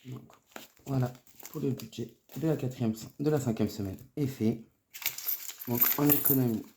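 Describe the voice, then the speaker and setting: A woman narrating her budgeting casually and counting aloud, haltingly, her voice thick and strained from swollen tonsils. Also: rumbling low, mellow. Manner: halting, murmuring to self while counting. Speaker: host of a budgeting video. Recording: noisy, with clicks and paper rustling.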